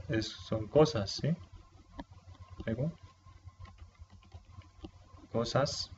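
Patient man teaching slowly, dull sound. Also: medium pitch. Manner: patient, repeats words slowly, checks in with "¿sí?". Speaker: Korean language teacher. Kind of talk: explaining vocabulary to a video audience. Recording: slightly dull sound with faint noise.

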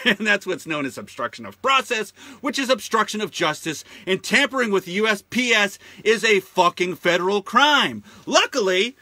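A man rants in a sarcastic, swear-laden monologue, his voice very bright and tense with a forceful edge. He sits a little above the usual male pitch. He piles up repeated words to drive each point home. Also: sing-song, moderate pace, no echo. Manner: profane, indignant and sarcastic; repeats words heavily for emphasis. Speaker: show host. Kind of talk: ranting monologue.

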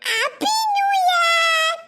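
A woman voicing a tearful little cartoon girl who talks slowly and whines. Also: extremely high pitch, sharp tone, heavily acted. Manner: whiny, slow, crying.

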